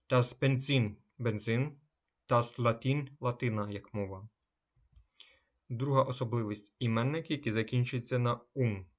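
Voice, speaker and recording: A man reads through a vocabulary lesson in a measured, even delivery. His voice sits at a middling pitch. He slows down on each German word so it comes out clearly. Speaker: language teacher.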